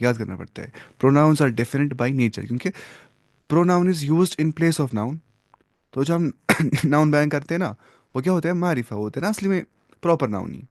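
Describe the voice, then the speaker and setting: A man's voice: on the high side, darkish tone, no echo. Man teaching grammar, dry close sound. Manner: asks rhetorical questions and answers them himself; mixes English terms into explanations. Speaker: Arabic teacher. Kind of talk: classroom grammar lesson.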